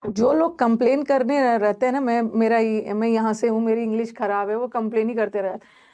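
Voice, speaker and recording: A woman's voice: on the high side, steady tone, brisk, dark tone. A young woman teaching an English grammar class, chatty and talking straight to her students with many fillers and restarts. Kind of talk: online class lecture.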